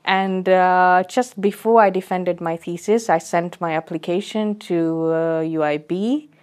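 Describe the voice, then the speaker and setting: A woman from Fiji, a research guest telling her story in a podcast booth in a measured, thoughtful way. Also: on the low side, steady tone, darkish tone. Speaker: guest, postdoctoral climate researcher. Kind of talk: conversational interview.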